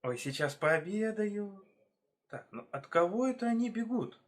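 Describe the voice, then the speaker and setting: A man's voice: high voice, very animated, a little slow, pitched above the performer's own voice. A man voicing a sly, hungry, clever fox in a storybook tale, scheming and sing-song.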